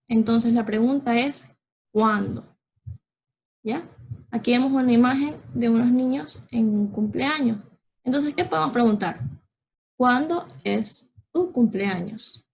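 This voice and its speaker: Woman, teacher, patient explaining, very slow, husky. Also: a little high, darkish tone, rough recording. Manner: patient, checks in with "¿verdad?" and "¿ya?". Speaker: English teacher. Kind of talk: slow explanatory online lesson.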